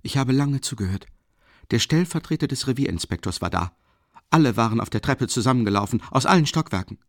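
A man's voice: medium pitch, lively intonation, a little fast, dry recording, clean studio sound, pitched above the performer's own voice, lightly acted. A man voicing a feverish young man in an audiobook, timid and agitated, with a weak voice. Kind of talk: audiobook character voice.

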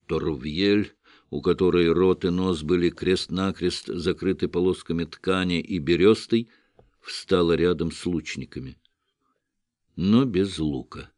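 A man reading an audiobook in a slow, even manner. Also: low voice, dry recording, clean studio sound. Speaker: narrator. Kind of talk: audiobook narration.

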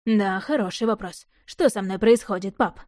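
A woman's voice: mid-range voice, moderate pace, a little mellow, no echo, clean studio sound, natural voice. A woman voicing a bitter eighteen-year-old son who sneers and mocks sarcastically.

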